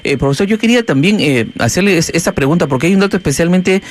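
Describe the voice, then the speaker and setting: Guy hosting a radio interview, kinda high voice, formal questions. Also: lively intonation, fast, a little hiss or hum. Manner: short backchannel responses, formal questioning. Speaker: radio host.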